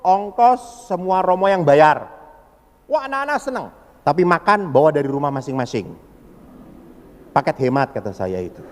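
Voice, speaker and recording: Animated priest preaching in an echoey hall. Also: male voice, a little high. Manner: animated, acts out voices in his stories. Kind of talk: sermon with lively storytelling.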